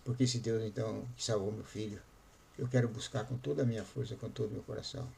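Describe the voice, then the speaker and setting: A man's voice: fairly low pitch, steady tone, fast talker, gravelly, a little mellow, slight background noise. A man voicing a stunned unbelieving father. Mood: earnest. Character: grateful father, former unbeliever, now eager.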